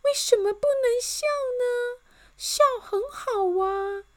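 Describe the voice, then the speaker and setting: A woman's voice: very high voice, slow pace, a little mellow, voice pushed up. A woman voicing a cheerful, carefree young woman who giggles and coaxes. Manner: giggling, bubbly, coaxing.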